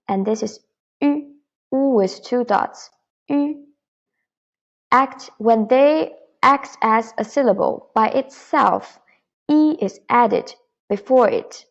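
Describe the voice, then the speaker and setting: A woman's voice: fairly high pitch, vocal fry, muffled recording. A woman teaching a beginner Mandarin lesson online, patiently modelling syllables and repeating them for learners to copy.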